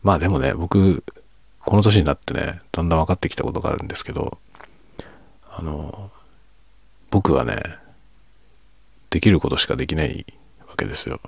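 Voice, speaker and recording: A man with a very deep, gravelly voice speaks softly in a casual, reflective monologue. His husky tone stays low-key and self-deprecating, as if talking late at night. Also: fairly quick, pauses often, dry recording. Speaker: streamer and hobby novelist.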